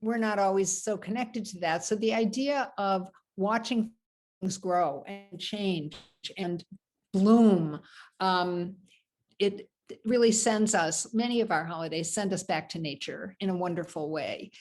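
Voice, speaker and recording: On a video call, an older American rabbi guides a casual Torah study, wandering through her points with plenty of ums and side remarks. She speaks unhurriedly at medium pitch, sounding a little mellow.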